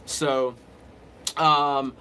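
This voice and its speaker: A man from Alabama with a slight Southern accent hosts a casual livestream, rambling off the cuff with commenters. His mid-range, bright, forceful voice is clean, barely moves in pitch, and goes extremely slowly.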